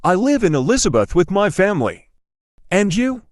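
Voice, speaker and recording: A man reading a polite learner's part in a scripted practice dialogue for English learners, speaking slowly and carefully enunciating each line. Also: sits high, big pitch swings, no room sound, clean studio sound. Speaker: dialogue reader.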